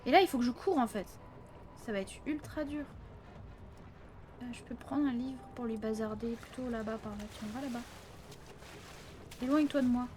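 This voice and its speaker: Playing a game and talking to her audience through a nearby desk mic, a woman gives casual let's play commentary, peppering it with "hein" and yelping in a flustered way under pressure. She speaks on the high side at a moderate pace, leaving long pauses, with noise in the background.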